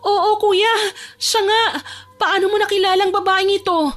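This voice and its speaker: A young woman voicing a frightened young woman locked in a dark basement, tense and pleading as she narrates her own horror story. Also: very high voice, fairly even intonation, a little slow, dry recording. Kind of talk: first-person horror story narration and dialogue. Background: faint music.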